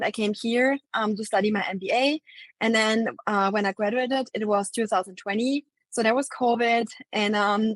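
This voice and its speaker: Young Austrian-born woman, relaxed interview guest, filler-heavy chat, mid pitch, dry close mic. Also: no echo, low-quality recording. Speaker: guest, marketing agency founder. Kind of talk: casual interview talk.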